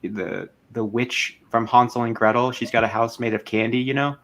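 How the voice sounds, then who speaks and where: A man's voice: medium pitch, steady tone, moderate pace, a bit bright. A man in casual group chat, rambling with frequent restarts. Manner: rambling, hesitant, many restarts.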